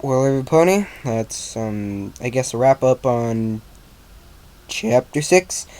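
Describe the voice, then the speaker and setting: Man, mid-pitched, slow amateur story reader who trips over words and restarts; relaxed, casual. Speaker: fan fiction reader.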